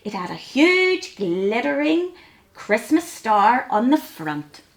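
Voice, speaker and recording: Slow, animated woman reading to children. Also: on the high side. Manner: sing-song, deliberate phrasing. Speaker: children's story reader. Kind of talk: animated storybook narration for young children.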